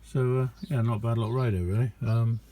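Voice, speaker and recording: Talking fast in a warm, medium-pitched voice with fairly even intonation, a middle-aged ham radio enthusiast shows his kit in a small indoor radio room. His casual video chat is rambling, low-key and self-deprecating, and there's a bit of background noise.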